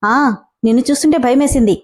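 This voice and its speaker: A woman's voice: sits high, fast, a little mellow. Woman reading a playful teasing college guy. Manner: teasing, mock-scared, light.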